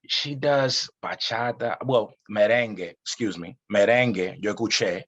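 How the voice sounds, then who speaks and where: A man hosting a casual interview, talking in a relaxed, slangy way and switching between English and Spanish. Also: fairly low pitch, a little slow, dull audio. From United States. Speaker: podcast host.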